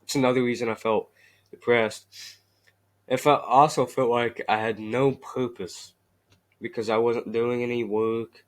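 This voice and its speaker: A young man vlogging about self-improvement, talking in a deliberately monotone way with halting restarts. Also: mid-range voice. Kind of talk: casual self-improvement vlog.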